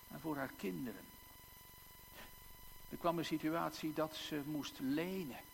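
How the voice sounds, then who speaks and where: A male pastor preaching a sermon in a church, slow and emphatic, with long dramatic pauses and repeated words. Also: a little high, vocal fry. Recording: echoey church hall, faint hum.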